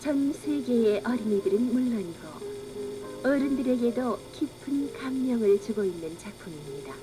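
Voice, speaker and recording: A woman reading scripted children's storybook narration in a measured, earnest manner on an old cassette. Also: on the high side, rough recording. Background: music.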